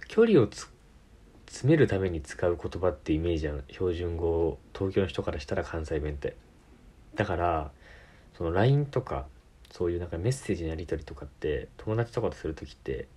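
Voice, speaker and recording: A low, husky, slightly mellow male voice carries this casual solo podcast. The host is from Tokyo and speaks with a Tokyo Japanese accent. He rambles easily, correcting himself now and then and laughing a lot.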